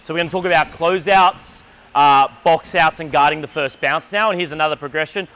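A man's voice: fairly high pitch, fairly quick, sharp tone, clear, resonant tone, dull audio. A man coaching a basketball clinic on an indoor court, energetically calling out drills and counting down for players.

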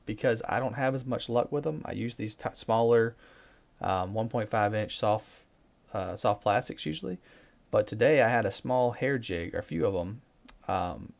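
A man casually commenting over his fishing footage, relaxed and rambling with excited bursts. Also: fairly low pitch, moderate pace, gravelly. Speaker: fishing vlogger.

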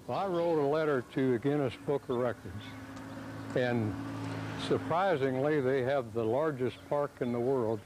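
A man's voice: medium pitch, normal speed, background noise. An older man talking easily and with dry humor in an outdoor news interview in a small park. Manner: easygoing, dryly humorous, chuckling.

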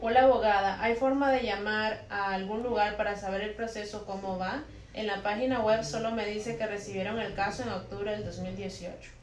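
A woman reads viewers' questions aloud in a plain, matter-of-fact way, one question after another. Her voice sits at a middle pitch. The room is echoey, she is a bit off-mic, and faint background noise runs underneath. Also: fairly even intonation, a little fast, few pauses, far from the mic. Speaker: co-host reading viewer questions.

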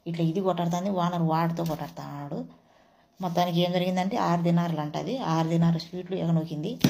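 A woman's voice: on the low side, vocal fry, warm tone. A woman from India, a house worker casually retelling a quarrel and acting out what each person said. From Telugu-speaking India. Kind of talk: casual storytelling vlog.

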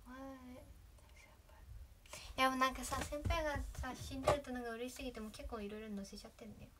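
Chatty high-voiced young woman livestreaming. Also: flat delivery, quick pace, very noisy. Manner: chatty, rambling, trails off into soft asides. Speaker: idol trainee livestreaming. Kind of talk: casual livestream chat.

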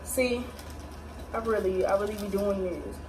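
With a mid-range, darkish voice and a slightly slow pace, a young American woman hosts a home cooking vlog, talking playfully and casually to viewers in slang. The recording comes from a phone or camera propped at a distance in her small indoor kitchen, sounding distant and full of kitchen noise.

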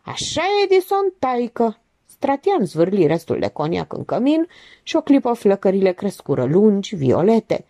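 A woman narrating an audiobook with expressive, measured storytelling. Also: mid-range voice. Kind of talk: audiobook reading.

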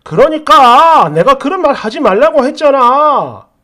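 A woman reading out a defensive husband who snaps and argues with a raised voice, brushing off his wife's complaints. The tone swings a lot, lively and animated, in a storytelling reading. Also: sits high, a little slow, exaggerated voice. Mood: irritated. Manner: snapping, raised voice. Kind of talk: storytelling with acted dialogue.

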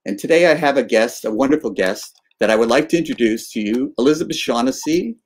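A man in his sixties hosting a casual video-call interview, talking haltingly with many fillers and restarts. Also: mid-range voice, lively intonation. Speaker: interview host. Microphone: webcam on video call.

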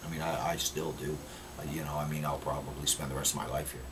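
Dutch-born man in his fifties, deep voice, animated rambling interview chat, distant camera mic in a basement room. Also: quick pace, noisy background. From Netherlands. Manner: rambling, animated, repeats phrases. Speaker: musician guest. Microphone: camera mic from a few feet away.

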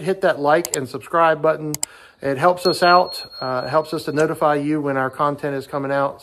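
A man in his forties giving a relaxed, plainspoken tool review to the camera inside a wooden horse barn, with lots of fillers. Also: a little high. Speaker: farm owner reviewing a tool. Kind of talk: casual talk to camera.

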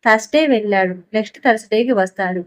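A woman's voice: medium pitch, fast, close to an everyday voice. A woman voicing a young wife who speaks politely but curtly, holding back anger. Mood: firm.

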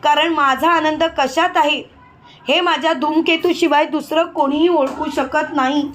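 A calm young husband who answers his critic and praises his wife. A woman reads him in a high, plain voice. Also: a little slow, slight background noise.

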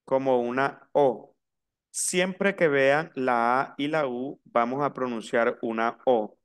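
A man teaching a French lesson in Spanish, slowly spelling out and repeating each word. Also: mid-range voice, clear, resonant tone. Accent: Latin American Spanish. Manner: slow, spelled-out pronunciation drills. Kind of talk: online language lesson.

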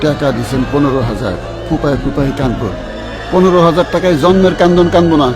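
A man's voice: a little high, steady tone, quick pace, over music, crowd noise, lightly acted. A man playing a pushy money-minded fixer. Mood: insistent. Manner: blunt, haggling, stubborn about money. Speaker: hired mourner and fake cleric contractor.

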